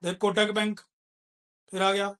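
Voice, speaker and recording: Male trading teacher mid-class: jokey, scolding, loud when calling stocks. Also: high voice, little pitch movement, unhurried. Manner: teasing, scolding banter, mimics callers; raises voice to call out stocks. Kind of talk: live market commentary class.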